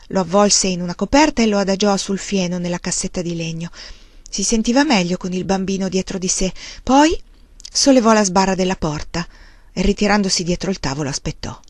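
A woman narrating a novel aloud with expressive, dramatic delivery. Her voice sits at a middle pitch. The recording is dry and close, with no room sound. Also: dry recording. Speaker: audiobook reader. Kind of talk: novel reading.

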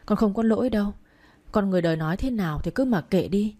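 A kindly middle-aged aunt in a storybook, gentle and soothing, as a woman reads her part. Her voice is warm and mellow. She reassures the listener patiently. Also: medium pitch, lively intonation, quick pace, close to an everyday voice. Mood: comforting.

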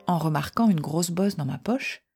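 A woman calmly reading a first-person short story aloud in a measured voice. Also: low voice, music in the background.

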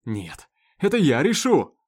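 A man voicing an enraged grieving farmer who shouts in fury, in a read-aloud story. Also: a little high, sing-song, moderate pace, pitched above the performer's own voice. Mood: furious. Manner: shouting, furious.

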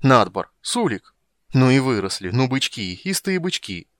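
A hearty middle-aged merchant, read by a male narrator in an audiobook, calling out loudly. His voice booms in a dry, close recording with no echo. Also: very animated, measured pace. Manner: loud, booming, hearty.

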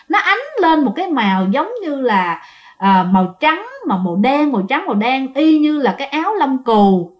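Chatty woman storyteller, fairly high and very animated, telling ghost tales to listeners. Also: lo-fi sound. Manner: chatty, addresses listeners directly.

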